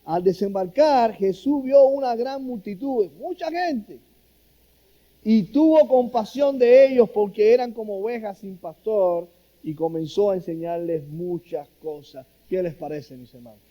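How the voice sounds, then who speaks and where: A man's voice: high-pitched, measured pace. A middle-aged man from Cuba preaching a sermon, telling stories and acting out quoted lines with a raised voice. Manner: storytelling, animated, acts out quotes in a raised voice. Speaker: pastor.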